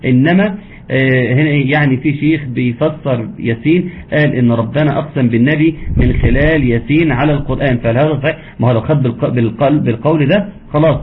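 Egyptian male tajweed teacher, mid pitch, tinny phone line, faint hiss behind. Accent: Egyptian Arabic. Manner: explains rules patiently, then recites verses slowly in a melodic chant. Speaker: Quran recitation teacher. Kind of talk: online tajweed lesson.

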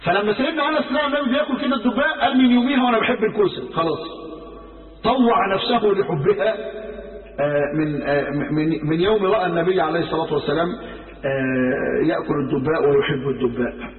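A man with an Egyptian Arabic accent preaching a sermon, telling stories in a lively way and acting out the quoted speech. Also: on the high side, quick pace. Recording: roomy hall from far off, phone-like sound.

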